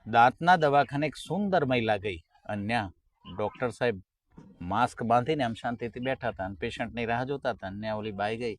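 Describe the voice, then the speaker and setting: A man's voice: mid-range voice, no room sound. A man, a folk stand-up comedian who tells jokes and acts out his characters' lines. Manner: storytelling, acting out characters' lines; sings short folk song lines slowly.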